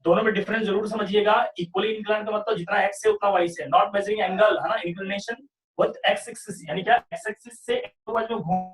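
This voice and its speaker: High-voiced maths teacher, echoey room. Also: male voice, fairly even intonation, a little fast, a bit bright, far from the mic. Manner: explains step by step, often asks "sahi hai kya?". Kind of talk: online revision class lecture.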